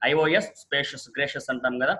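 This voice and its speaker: A man's voice: medium pitch, steady tone, very fast, sharp tone. A male teacher explaining English word stress in Telugu, repeating each example word twice with careful syllable stress. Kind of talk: exam-prep lesson on word stress.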